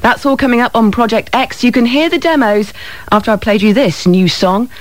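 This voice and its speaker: A woman's voice: fairly high pitch, a little fast, no room sound. A British woman presents a music radio show in an informal, conversational way. She talks directly to listeners with little tag questions. The sound is close and dry, recorded in a radio studio. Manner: informal, often adds tag questions like "okay?" and "isn't it?". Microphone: close studio microphone.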